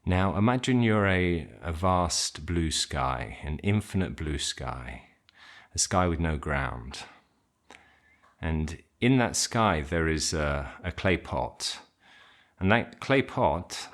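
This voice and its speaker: In a bass voice, a man offers simple instructions during an unscripted guided meditation, keeping his delivery informal and gently hesitant.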